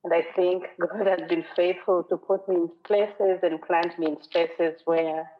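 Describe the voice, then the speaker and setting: Over phone-like, narrow-sounding audio, a Kenyan-accented woman from western Kenya preaches as a guest at a church. Earnest and reflective, she quotes scripture and lyrics from songs, speaking unhurriedly in a fairly low voice with little pitch movement.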